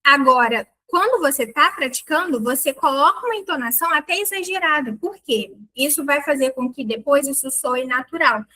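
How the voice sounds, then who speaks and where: Woman, online English teacher, high pitch, bright tone, lively, playful, explanatory. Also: normal speed, few pauses, poor audio. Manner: lively, explanatory, exaggerates intonation on examples; chatty and playful with students. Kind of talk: online language lesson.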